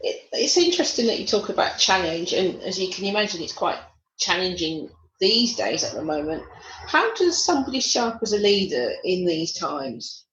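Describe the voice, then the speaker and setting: A woman's voice: lowish voice, big pitch swings, normal speed, fairly bright tone, a little hiss or hum. Podcast host woman in a roomy recording. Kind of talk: podcast interview. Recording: roomy, dull sound.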